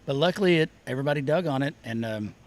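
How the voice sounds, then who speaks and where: This middle-aged man from Oklahoma and Texas, a musician guest at an outdoor festival, talks in an animated, rapid-fire way at a medium pitch. In a casual interview chat he rambles through his stories, cutting himself off and restarting many times.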